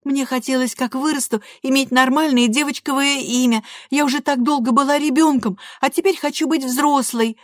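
Storybook teenage girl, high bright voice, pleading and insistent, played by a woman reader. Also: steady tone, moderate pace, few pauses, no echo, studio quality, natural voice. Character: eager, defiant teenage girl wanting to be grown up. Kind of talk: audiobook character voice.

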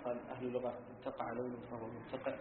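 A male student quietly reading commentary notes aloud in a monotone. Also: mid-range voice, very fast. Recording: faint, tinny hall recording from far off.

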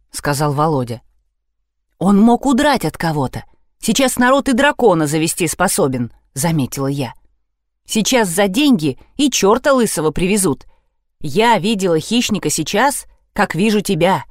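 Woman audiobook narrator, animated delivery, dry close sound. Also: normal speed, dry recording. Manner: lively, voices characters with raised pitch.

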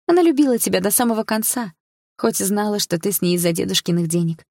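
A woman's voice: mid-range voice, lively intonation, quick pace, vocal fry, darkish tone, no room sound, studio quality. A woman reading a young woman who tearfully confronts her jailed father in an audiobook and later teases her brother. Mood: bitter, tearful. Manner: pleading, bitter, then playful and teasing.

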